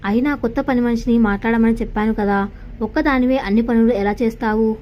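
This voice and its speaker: A woman voicing a patient, kind middle-aged husband who speaks softly and consolingly in an audio story. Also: on the high side, steady tone, quick pace, lo-fi sound, slight background noise, natural voice. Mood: caring. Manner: soft, consoling and explanatory.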